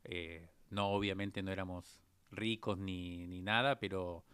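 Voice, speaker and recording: This low-pitched male voice is clear, resonant and a bit bright, with fairly even intonation and a slightly slow delivery in a dry recording. He is an Argentine man in his fifties, a guest in an interview, thoughtfully narrating his life in Argentine Spanish with frequent hesitant fillers.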